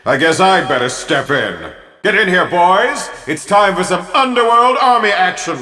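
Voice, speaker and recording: An actor playing a sardonic, flamboyant lord of the underworld in a video game, drawling and mocking, in a distant reverberant sound. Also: male voice, high voice, lively intonation, normal speed, pushed and bright. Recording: roomy, distant, long reverb.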